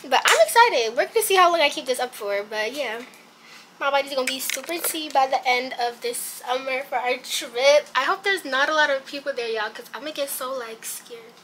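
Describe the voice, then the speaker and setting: Chatty high-voiced teen girl vlogging. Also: brisk, noisy background. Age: teens. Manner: chatty, lots of fillers, slangy. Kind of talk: casual vlog chat. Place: kitchen, then street and gym. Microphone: handheld camera at arm's length.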